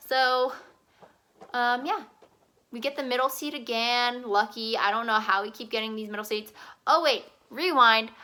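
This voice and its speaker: A woman's voice: a little high, bright, forceful tone. A young woman telling a rambling, casual vlog story, full of fillers and asides. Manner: chatty, rambling, lots of "like". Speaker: vlogger.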